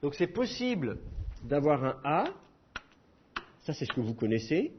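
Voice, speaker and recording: A man's voice: on the high side, sing-song, a little slow, dull audio, slight background noise. A man teaching a class, explaining patiently and repeating key points with fillers. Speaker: Hebrew teacher. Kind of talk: classroom lecture.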